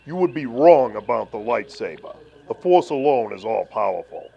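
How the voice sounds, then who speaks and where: A man playing a cold, arrogant male dark lord in armor, speaking in slow, threatening pronouncements in a talk-show skit. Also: mid-range voice, very animated, creaky, highs cut off. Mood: cold arrogance.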